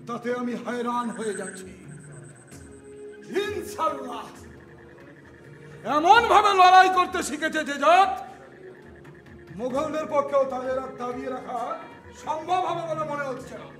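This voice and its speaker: Man acting a high-pitched, declamatory Mughal commander. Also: unhurried, long pauses. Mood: weary, exasperated. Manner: declamatory, exclaiming, mixing Hindi-Urdu into Bengali. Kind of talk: historical stage play acting. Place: theatre stage. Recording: echoey stage hall, faint music.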